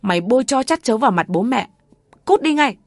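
A woman's voice: a little high, lively intonation, a little fast, no echo, pitched above the performer's own voice. A woman voicing a wailing, outraged country mother. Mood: anguished. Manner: wailing, raised rebukes. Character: heartbroken, outraged rural mother.

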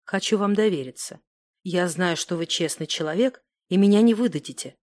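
A woman's voice: fairly low pitch, normal speed, a little mellow, no room sound, close to an everyday voice. An elegant, mysterious noblewoman speaks shyly, in a confiding tone, as a woman reading the story voices her. The sound is dry and close. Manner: shy, confiding.

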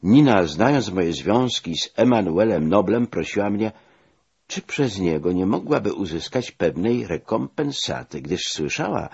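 A man reading a first-person memoir aloud, telling it in a measured, expressive way with rising emphasis. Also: fairly low pitch, creaky, slightly rough, dull audio. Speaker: audiobook reader.

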